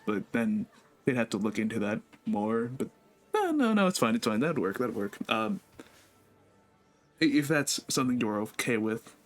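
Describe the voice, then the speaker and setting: A man's voice: medium pitch, natural voice. A man playing a polite, fumbling church leader. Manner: courteous and hesitant, full of ums.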